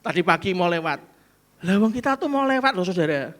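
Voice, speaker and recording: A pastor with a Central Javanese accent preaching in a church. His voice sits high for a man, and his delivery is lively, with sudden mock-angry bursts and questions put to the congregation. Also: fairly quick. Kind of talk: sermon.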